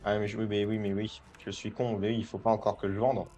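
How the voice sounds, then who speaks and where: A man's voice: fairly low pitch, little pitch movement, fast talker, dark tone. Young man, gameplay commentary, rambling, stammering restarts, faint music behind. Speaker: gaming video creator.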